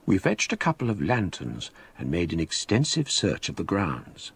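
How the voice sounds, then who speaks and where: Low-voiced scholarly ghost-story narrator, expressive. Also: male voice, husky, heavily acted. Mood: grave, haunted. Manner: measured, literary, grave. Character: scholarly gentleman recounting his own ghost story. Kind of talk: dramatic scripted narration.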